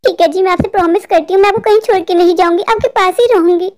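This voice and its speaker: Cartoon wife, dutiful and soothing, played by a woman, high bright register. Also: fairly even intonation, racing, a little hiss or hum. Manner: gentle, deferential, reassuring. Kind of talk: cartoon voice acting.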